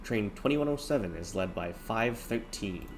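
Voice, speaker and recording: Low-voiced man narrating over train noise. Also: lively intonation, normal speed. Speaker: railfan video narrator. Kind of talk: narration of train-spotting footage. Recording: clear background noise of trains, ambience.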